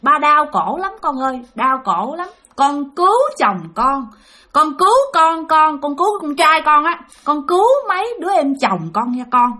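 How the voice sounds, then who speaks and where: Woman doing old grandpa ghost, high crying wail, pleads over and over. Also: big pitch swings, brisk, a bit bright. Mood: pleading. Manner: sobbing, pleading, repeats cries. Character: dead grandfather's ghost, old man, pained, weeping.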